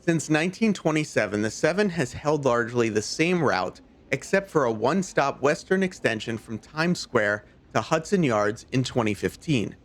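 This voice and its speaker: A man's voice: mid-range voice, lively intonation, moderate pace, hardly any pauses. A man narrating an informative guided tour as a travel host. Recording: faint background noise and ambience.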